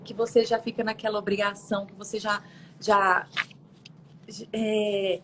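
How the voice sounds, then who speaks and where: A woman, telling a faith story in a lively, casual way, acting out voices and laughing often. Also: a little slow, noisy background. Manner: lively, acts out quoted voices with big pitch jumps.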